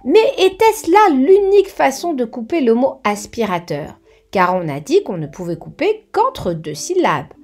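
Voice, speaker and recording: A woman giving a children's grammar lesson, speaking slowly and clearly, breaking words into syllables and asking the viewer questions. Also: high voice, very animated. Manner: slow and clearly articulated, syllable by syllable; addresses the viewer warmly with questions. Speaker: teacher. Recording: soft background music.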